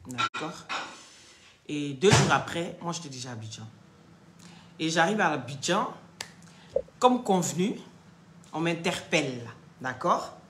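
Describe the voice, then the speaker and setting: A young woman tells a story on a phone live stream and acts out every voice in it. Her pitch sits low but swings widely. The sound rings in an echoey room. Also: unhurried, pauses often, noisy background. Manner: animated, acts out the dialogue, checks in with "d'accord?".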